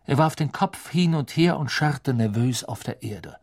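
A man narrating a storybook audiobook in an expressive, measured way. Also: medium pitch. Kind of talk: scripted narration.

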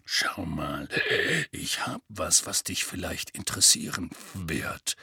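A man voicing a gruff, grizzled old male wizard who growls low and gravelly. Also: slow pace, bright, forceful tone, no room sound, heavily acted. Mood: growling.

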